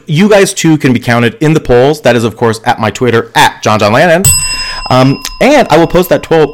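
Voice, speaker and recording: A man hosting a casual livestream show, chatting playfully and giggling often, talking through a headset microphone. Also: medium pitch. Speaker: host. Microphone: slim headphones with microphone.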